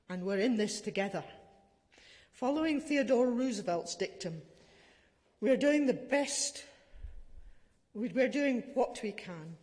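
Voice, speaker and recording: A woman delivers a formal council speech with passion and indignation. Her pitch is middling, and she leans on lists and repetition for emphasis. Her voice rings with the long reverb of a large indoor hall. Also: a little mellow. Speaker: city councillor.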